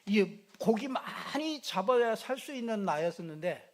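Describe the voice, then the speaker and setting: Speaking a little slowly in an animated, high-sitting voice, this middle-aged pastor jokes and chats his way through a sermon in the church sanctuary. He keeps repeating small fillers and mimics regional ways of talking.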